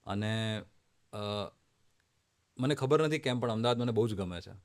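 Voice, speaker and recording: A middle-aged man from Ahmedabad with a Gujarati accent, a doctor talking in a relaxed way, dropping in English phrases. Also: medium pitch, moderate pace. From Ahmedabad, India. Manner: relaxed, mixes English phrases, light laughter. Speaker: oncologist guest. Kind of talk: conversational interview.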